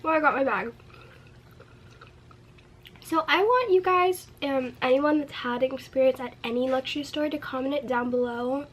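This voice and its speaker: A young woman telling a story in a casual vlog while eating, chatty and animated, with frequent filler words and laughs. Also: high-pitched, normal speed, pauses often. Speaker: vlogger.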